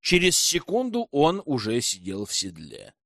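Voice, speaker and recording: A man narrating a fantasy audiobook in a lively, expressive reading. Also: mid-range voice, a little slow, gravelly, no room sound, studio quality. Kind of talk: scripted narration.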